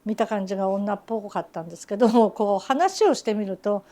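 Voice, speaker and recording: A woman who runs a teahouse and works as a geisha reminisces in an interview, telling fond stories as a chatty storyteller and laughing often. Her voice is medium-pitched and warm, and she talks fast.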